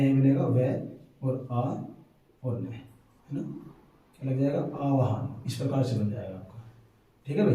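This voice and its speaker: A man teaching a lesson for exam preparation. He checks in often with "okay?" and slowly draws out words as he spells them. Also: on the high side, dark tone. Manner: repeats checks like "ठीक है" and "है ना". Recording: very echoey room, far from mic, faint noise.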